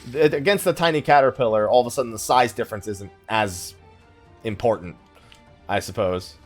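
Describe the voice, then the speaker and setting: With faint music in the background, a man chats through a gaming let's play at a fairly quick pace and medium pitch. His commentary is casual and rambling, packed with jokes, mock exasperation, and self-mockery.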